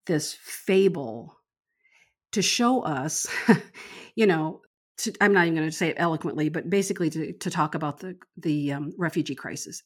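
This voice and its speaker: Enthusiastic low-voiced woman co-host. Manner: enthusiastic, emphatic, slows down on key words. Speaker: book club co-host. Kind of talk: casual book discussion.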